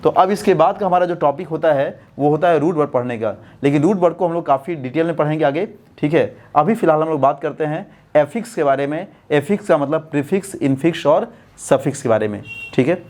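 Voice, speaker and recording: Guy teaching english grammar, kinda high voice, keeps asking the class stuff then answering it himself. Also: a little mellow. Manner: asks the class questions and answers them himself; slow, deliberate dictation when spelling out words. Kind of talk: classroom-style lesson explanation.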